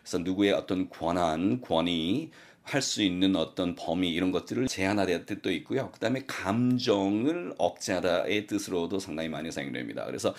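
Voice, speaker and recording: A man with a Korean accent teaching English expressions in a lecture, explaining them and slowly drilling the example sentences. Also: sits low, expressive. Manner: explanatory, asks rhetorical questions.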